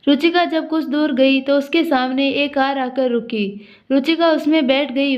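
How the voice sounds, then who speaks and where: High-voiced woman narrating a story. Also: highs cut off. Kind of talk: scripted narration of a romance story.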